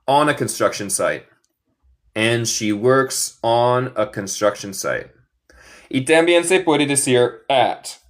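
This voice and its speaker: A man from Michigan teaching English in Spanish on a live stream, drilling phrases slowly and mixing both languages. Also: mid-range voice. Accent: American English speaking Spanish. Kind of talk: live online English lesson for Spanish speakers.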